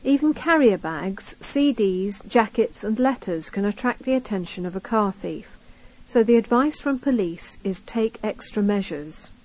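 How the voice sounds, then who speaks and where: A woman's voice: mid-range voice, expressive, a little slow, darkish tone, poor audio. A British woman reading magazine news articles aloud as scripted narration for a recording. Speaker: reader of a recorded local magazine.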